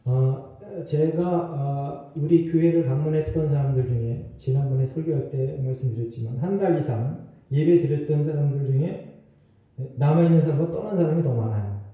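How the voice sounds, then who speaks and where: In a church sanctuary, a man preaches a sermon as pastor at a moderate pace in a fairly high voice. The audio is narrow and tinny, with roomy echo from a distant mic, and his delivery is conversational, full of asides and small laughs.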